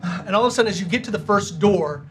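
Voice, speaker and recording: A man's voice: high-pitched, expressive, fast talker. A man improvising narration as the game master of a tabletop game. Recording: faint music behind.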